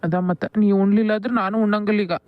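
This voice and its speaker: A woman's voice: mid-range voice, fairly even intonation, quick pace, no echo, close to an everyday voice. A woman voicing a kind, doting middle-aged village father in a cartoon, coaxing and affectionate, with a North Karnataka Kannada accent. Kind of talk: cartoon voice acting. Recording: dull lo-fi dry audio.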